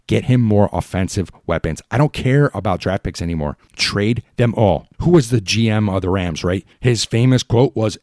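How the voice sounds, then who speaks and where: A man's voice: fairly low pitch, a little mellow, no echo, clean studio sound. A man hosting a fan sports podcast, ranting in a heated, exasperated, pleading way. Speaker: podcast host.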